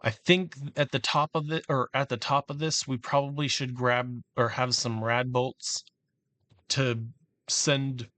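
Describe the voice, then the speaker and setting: A man giving casual, halting commentary while he plans a build in a game, thinking aloud with many restarts. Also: mid-range voice, little pitch movement, sharp tone, no echo. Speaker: gameplay commentator.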